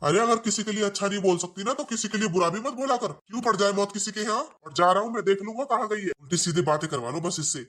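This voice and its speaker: A woman voicing a calm, mildly reproachful older father-in-law in a cartoon. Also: medium pitch, quick pace, few pauses, lightly acted. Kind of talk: cartoon voice acting.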